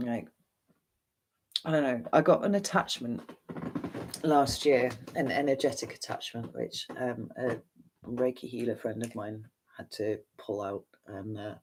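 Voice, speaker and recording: A tarot reader from England, accent neutral, chats through a livestream Q&A, rambling and candid with some casual swearing. He speaks at a medium pitch, a little slowly, in a slightly rough voice. The recording itself is rough.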